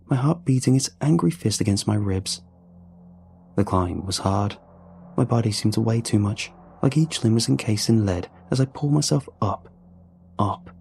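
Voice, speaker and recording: Gravelly low-voiced man narrating horror. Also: dark tone, slight background noise. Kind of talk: scripted horror story narration.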